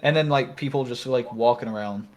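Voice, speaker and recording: A man improvising narration as a tabletop game master, halting often as he searches for words. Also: medium pitch.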